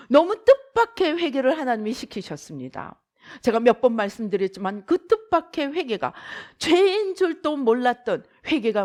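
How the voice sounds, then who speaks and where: A middle-aged woman pastor giving a dramatic sermon, acting out the voices she quotes. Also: on the high side.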